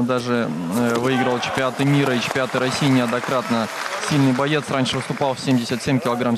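Mid-pitched male co-commentator, noisy background. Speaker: sports co-commentator. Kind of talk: live analytical fight commentary. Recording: clearly noisy event background.

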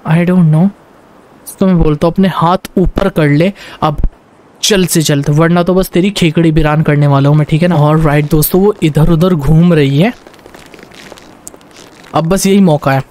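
Excitable young man narrating gameplay. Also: fairly high pitch, a little slow. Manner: excitable, talks to viewers, barks orders in role. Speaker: gameplay commentator. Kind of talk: Hindi gameplay commentary with English words.

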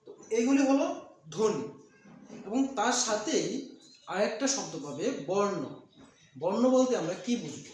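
A man's voice: sits high, darkish tone. A man teaching an exam-prep grammar lesson, repeating points and asking and answering his own questions. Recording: echoey room with faint noise.

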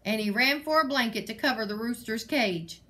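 A woman reading a picture book aloud in an expressive storytelling manner. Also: fairly high pitch, moderate pace. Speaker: story reader.

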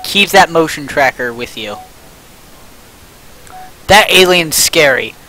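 A young man livestreaming a game with a friend, excitable and jokey, reading prompts aloud as he plays. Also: on the high side, slow pace, slight background noise, rough recording. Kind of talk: casual gaming chat.

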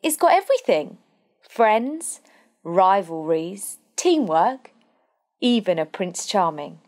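Over a music bed, a young woman voices the sardonic narrator of a comic fairytale in scripted storybook fashion. Her mid-range voice is very animated yet slow and a little mellow, with a wry, knowing edge.

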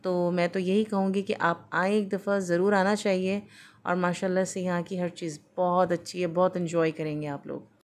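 A woman's voice: fairly low pitch, flat delivery, moderate pace. A woman, chatting upbeat to her vlog viewers, filmed on a phone held at arm's length. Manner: chatty, upbeat, enthusiastic recommending. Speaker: lifestyle vlogger. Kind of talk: casual vlog narration. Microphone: phone camera at arm's length.

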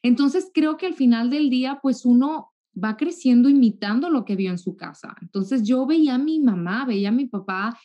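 A woman's voice: sits high, lively intonation, normal speed, hardly any pauses, muffled recording. Chatty northern Mexican woman on a video call. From Mexico, raised in Monterrey. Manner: warm chatty, repeats words when restarting. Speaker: guest, TV journalist. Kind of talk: casual interview chat. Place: home room, indoors. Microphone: video call webcam.

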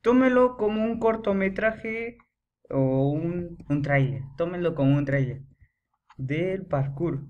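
A teenage boy, giving excitable horror gameplay commentary, chanting and yelling when scared. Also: fairly high pitch, a little slow, highs cut off, slight background noise. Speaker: gamer.

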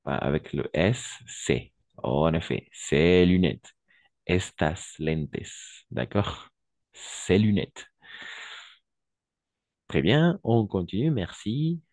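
A man with a lowish voice teaches French at a very unhurried pace. He repeats words with patience and gives frequent praise, and the sound is close and dry. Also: expressive, darkish tone, no room sound. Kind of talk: online class instruction.

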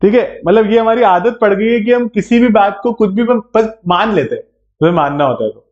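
A man's voice: high voice, lively intonation, brisk. A man with an Indian English accent, teaching a live online exam-prep class in a chatty way and checking in with his students often. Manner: chatty, checks in with frequent tag questions. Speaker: law entrance exam teacher. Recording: echoey room, dull lo-fi sound.

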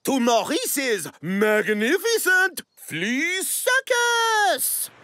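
Tiny male flea showman, grandiose, high-pitched, swooping delivery, cartoon ringmaster. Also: sing-song, sharp tone, dry recording, studio quality, full character voice. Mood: proud, showy. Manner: grandiose, showy announcing with drawn-out flourishes. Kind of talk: theatrical ringmaster announcing in a children's cartoon.

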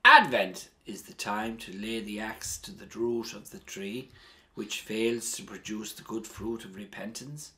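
A man, a priest, giving a sermon in an earnest, emphatic way, with strong rises and falls in pitch and loudness. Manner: earnest, measured preaching.

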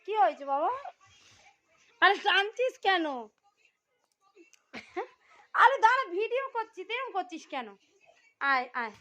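Bright high-voiced mother giving orders. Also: big pitch swings, slow pace, pauses often. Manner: bossy step-by-step instructions, coaxing. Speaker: mother filming her children. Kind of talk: casual home vlog chat. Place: family home.

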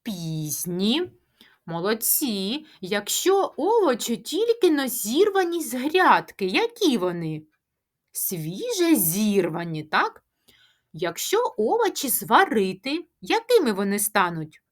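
A woman teaching a speech lesson to preschoolers, asking questions, answering them herself and chanting tongue twisters slowly. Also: on the high side, big pitch swings. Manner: sing-song, drawn-out tongue-twister chanting. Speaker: kindergarten teacher.

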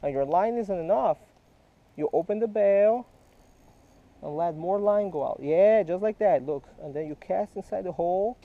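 The audio, from a head-mounted action camera, has phone-like quality. A high-pitched man speaking at a moderate pace patiently teaches and quizzes a child as they fish by a small creek in a park, the vlogger keeping the talk casual.

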